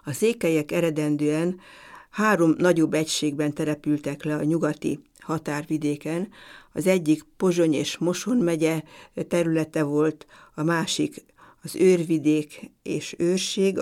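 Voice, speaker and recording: A woman lecturer giving an academic talk in a measured, deliberate way, pausing now and then to hesitate. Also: deep voice, steady tone, darkish tone. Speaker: university lecturer.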